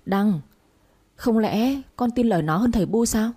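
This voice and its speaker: A woman's voice: lively intonation, a little slow, dark tone, husky. Woman voicing a scolding cruel matriarch. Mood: indignant. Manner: scolding, shrill and scornful. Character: cruel domineering older matriarch, the first wife.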